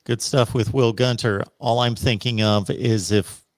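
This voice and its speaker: A man's voice: mid-range voice, fairly even intonation, unhurried, no echo. A man hosting a call-in sports show in a casual, conversational style.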